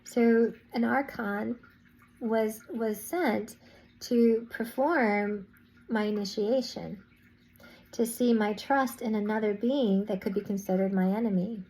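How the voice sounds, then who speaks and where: A woman's voice: a little high, fairly even intonation, slow pace, warm tone, rough recording. Rambling woman recounting a spiritual experience. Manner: rambling, restarts and "I was like" asides. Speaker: spiritual vlogger. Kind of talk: casual spoken recounting.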